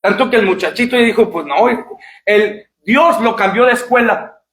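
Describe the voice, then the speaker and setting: A man, a pastor, giving an impassioned sermon, repeating phrases and shouting at the high points. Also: moderate pace. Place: church. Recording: echoey church hall.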